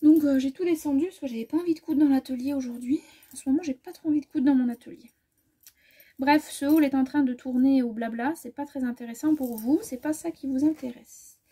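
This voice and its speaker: A woman sewing vlogger chatting casually through a fabric haul, rambling and correcting herself as she measures, often trailing off softly. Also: sits high, a little fast. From France.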